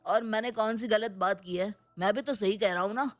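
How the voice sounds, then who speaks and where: A woman's voice: medium pitch, brisk, lightly acted. A defensive young husband from an audio storybook complains that he is too busy with work, played by a woman. He sounds exasperated and put upon. Faint music plays behind him.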